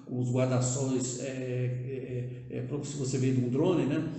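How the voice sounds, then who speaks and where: A man's voice: mid-range voice, little pitch movement, measured pace, mellow. Older man talking in an echoey room. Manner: conversational, with frequent "né?" tags and hesitations. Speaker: vlogger proposing a civic project. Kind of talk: casual direct-to-camera talk. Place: indoor room, seated at a table.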